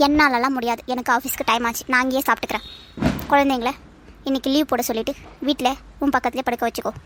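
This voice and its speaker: A woman's voice: high-pitched, steady tone, racing, background noise, lightly acted. A woman voicing a bossy cartoon husband who scolds and gives orders. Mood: scolding. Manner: commanding, scolding.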